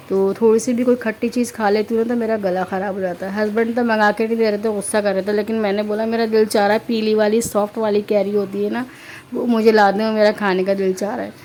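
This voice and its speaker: A woman in her thirties from Pakistan, narrating her housework in a chatty, repetitive way with many fillers; her throat is hoarse. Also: mid-range voice, darkish tone, slight background noise. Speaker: vlogger, homemaker. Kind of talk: casual voice-over narration.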